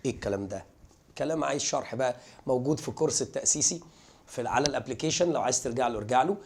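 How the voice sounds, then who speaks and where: A man's voice: medium pitch, racing, slight background noise. A man with an Egyptian Arabic accent teaching English grammar for exam prep, quizzing his students and repeating the key points with emphasis.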